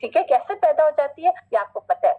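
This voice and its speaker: A woman with a somewhat high voice teaches a Quran recitation class online. She explains patiently, checks in with her students again and again, and stretches each Arabic word out slowly when she recites. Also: very animated, narrow, tinny audio. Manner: patient, repetitive, checks in often; slow, drawn-out recitation of Arabic words.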